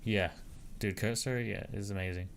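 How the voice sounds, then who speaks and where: A man hosting a livestream over a headset mic, chatting casually and loosely with lots of fillers as he greets viewers and tests software. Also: fairly low pitch, fairly even intonation, moderate pace, slight background noise. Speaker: livestream host. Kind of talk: casual livestream chat while testing software.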